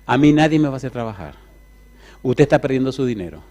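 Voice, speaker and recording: A man's voice: mid-range voice, lively intonation, fast talker, darkish tone, lightly acted. A preacher voices a big, chained man who refuses every buyer. He throws out the same defiant refrain again and again, stubborn and unbroken. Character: proud defiant enslaved man chained to a post.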